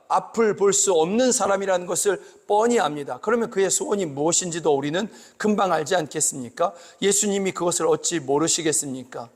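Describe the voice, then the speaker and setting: A pastor giving a slow, emphatic sermon that rises into loud cries. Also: male voice, high voice. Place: church sanctuary. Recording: long church reverb.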